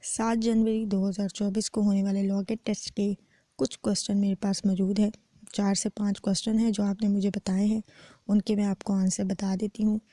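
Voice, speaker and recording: A woman, a law test tutor going through exam answers in a steady explanatory lecture. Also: mid-range voice, no room sound. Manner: steady explanatory teacher, reads questions out slowly.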